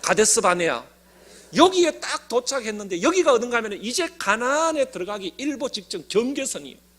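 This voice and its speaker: A middle-aged pastor with a Gyeongsang accent preaches in a very high, highly expressive voice. He tells the story with animation and leads the congregation to repeat key phrases after him. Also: fast. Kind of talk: sermon.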